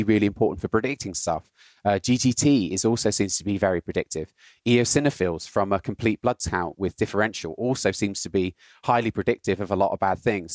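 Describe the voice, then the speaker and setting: A man's voice: lowish voice, dry recording. British man explaining health data, dry sound. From Britain. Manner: explanatory, builds points with rhetorical "right?". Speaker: guest, health data scientist. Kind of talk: casual podcast conversation.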